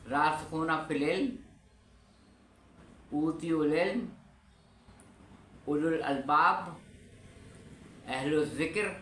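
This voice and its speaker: A fairly high-voiced man delivers a religious lecture in a measured, explanatory manner, pausing to weigh his key terms. His voice rings out in an echoey room over a faint hum of ambience. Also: fairly bright tone. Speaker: religious speaker.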